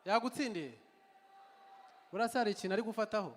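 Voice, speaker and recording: A man's voice: sits high, very fast, slight background noise. A man hosting a live stage event with a sing-along, recorded in an echoey hall with a crowd. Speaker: event host.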